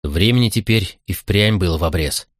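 Male audiobook narrator, low voice, steady and dramatic, dry close read. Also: normal speed, no room sound. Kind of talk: scripted novel narration.

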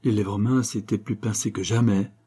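A man reading a novel aloud in a steady, measured storytelling manner. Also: on the low side, slightly rough. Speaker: audiobook narrator.

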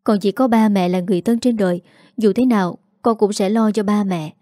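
A woman's voice: mid-range voice, a little fast, warm tone, no room sound, clean studio sound, close to an everyday voice. Woman playing a pleading young daughter. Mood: earnest pleading. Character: dutiful, loving young daughter.

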